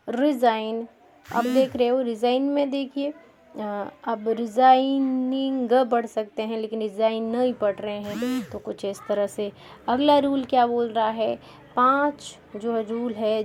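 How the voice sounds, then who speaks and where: Woman teacher, slow deliberate delivery, warm mellow tone, repeats key points for learners. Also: on the high side, a little hiss or hum. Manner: slow, repetitive, asks and answers her own questions. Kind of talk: Hindi-language English pronunciation lesson.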